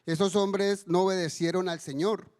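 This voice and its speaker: High-voiced male preacher. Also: fairly even intonation, moderate pace, a little mellow, clean tone. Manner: tells a story and acts out voices in raised cries. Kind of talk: sermon. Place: church.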